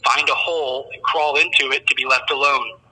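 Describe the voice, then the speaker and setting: A man's voice: medium pitch, fairly even intonation, a little fast, pushed and bright, breathy edge, in a large hall. A man calling in on a jail phone line, talking in a fervent, preaching monologue. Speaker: interview guest. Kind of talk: impassioned commentary. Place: jail cell block.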